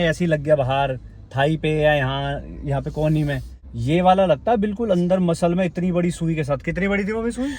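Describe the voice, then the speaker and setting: A man's voice: sits high, darkish tone. A man vlogging in casual chat, talkative and coaxingly consoling his mother.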